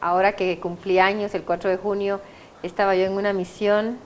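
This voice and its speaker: A woman with a Guatemalan accent speaks as an excitable guest, laughing often and stumbling over her own words. Her voice sits at an ordinary middle pitch. A faint hiss of noise lies under the recording. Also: a little fast. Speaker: guest giving a testimony. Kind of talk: casual interview chat.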